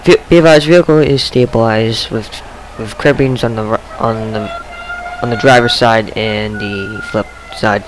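A man's voice: on the low side, steady tone, moderate pace, slight background noise, low-quality recording. A man playing a firefighter, reporting to command in a police-style radio call, terse and restarting his words. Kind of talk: radio call in a roleplay game.

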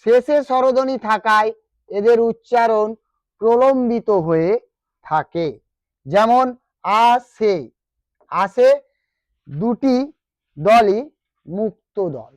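A teacher from West Bengal, India, speaking with that region's accent, walks through a grammar lesson, repeating key terms and putting questions to the students. His or her voice is medium in pitch and slow, with frequent pauses. The recording is dry and lo-fi.

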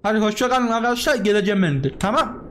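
A man hosting a horror game let's play, jumpy and excitable, blurting frightened exclamations and muttering prayers under his breath. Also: sits high, very fast, a little hiss or hum. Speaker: gaming channel host.

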